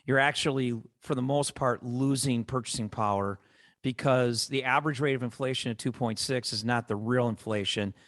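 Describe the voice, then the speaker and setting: A man with a Chicago accent hosting a podcast, talking in an animated, opinionated way as he rants about markets. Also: medium pitch, moderate pace, no room sound, studio quality. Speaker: podcast host. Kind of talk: casual podcast discussion.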